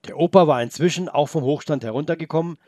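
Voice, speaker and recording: A man narrating a children's story aloud in a gentle, expressive way. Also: on the high side, fast, no echo, studio quality.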